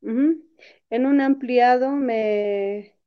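A woman's voice: fairly high pitch, drawn-out words, smooth, highs cut off. A woman who is a council candidate speaks earnestly over a poor-quality call stream, often restarting her phrases in an interview.

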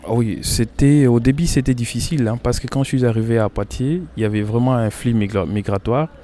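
A man's voice: mid-range voice, brisk, mellow, a little hiss or hum. A young man from Congo telling his story in a radio interview, hesitant with many fillers and repeated words. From Congo (Kinshasa). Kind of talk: radio interview, personal testimony.

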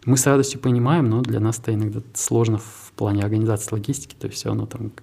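A man who heads a tech park, answering interview questions in a measured, businesslike way with some restarts. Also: fairly low pitch, flat delivery, gravelly, dark tone, slight background noise.

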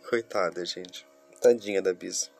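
A man's voice: low voice, takes it slowly, vocal fry, husky, soft background music. A man from Curitiba, talking to viewers in a rambling, confessional vlog while stuffy from a cold. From Curitiba, southern Brazil. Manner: rambling, talks straight to viewers. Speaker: vlogger. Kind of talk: casual confessional monologue.

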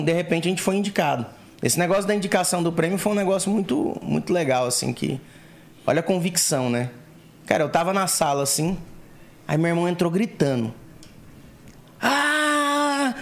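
A Brazilian man telling a story on a podcast, his voice sitting high for a man. He talks with animation and acts out the lines of the people in his story. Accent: Brazilian Portuguese. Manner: animated, acts out quoted dialogue. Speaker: guest, co-founder.

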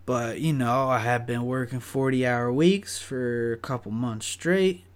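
A young man rambles through a work story at an unhurried pace, his voice in an ordinary middle register. He swears often and loses himself in "uh" and "you know.". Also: medium pitch. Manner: profane, rambling, full of fillers. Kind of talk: casual storytelling.

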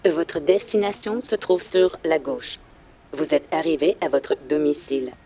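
A performer voicing a synthetic phone assistant that reads out directions and reminders in even, clipped announcements. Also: medium pitch, unhurried, slight background noise, close to an everyday voice. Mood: flat. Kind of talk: voice assistant prompts.

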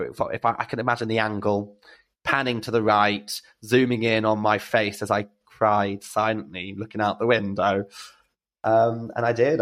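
A British man, a drag storyteller, telling a story as a podcast guest, acting out the quotes with big leaps in pitch and gasps. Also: vocal fry. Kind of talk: animated storytelling.

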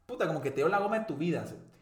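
A young man tells a story in casual podcast chat, rambling, swearing often and breaking into loud laughs. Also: fairly high pitch, sing-song, racing, echoey room. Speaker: podcast co-host telling a story.

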